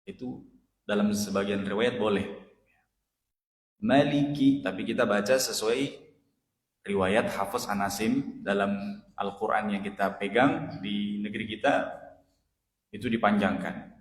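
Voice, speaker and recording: A male ustadz teaching Quran recitation in a mosque study session, patiently correcting pronunciation and chanting Arabic phrases slowly. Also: fairly low pitch. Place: mosque hall. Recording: echoey mosque hall, roomy reverb.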